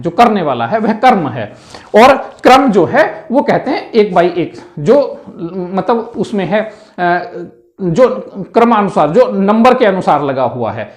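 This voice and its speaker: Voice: medium pitch, darkish tone. A Hindi teacher giving an exam-prep lesson on word pairs, explaining patiently and repeating each word, often checking in with "है ना".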